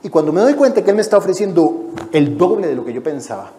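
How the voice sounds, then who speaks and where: A man preaches an emotive testimony, alternating between loud exclamation and hushed, prayerful speech. His voice is dark and mellow and sits a little high. A long hall reverb follows his words. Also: sing-song, fast. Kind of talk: testimony sermon.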